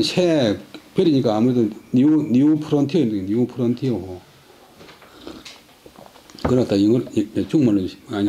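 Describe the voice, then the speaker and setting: An older man lecturing on a classical Chinese text, explaining it word by word, repeating terms and reading the original in a slow chant. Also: medium pitch, warm tone, poor audio.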